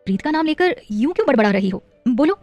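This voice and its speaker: A woman's voice: sits high, sing-song, fast, a little mellow, dry recording, faint music behind, pitched above the performer's own voice. A woman reading a story aloud, voicing a concerned elder-sister figure who keeps asking questions. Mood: worried. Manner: worried questioning.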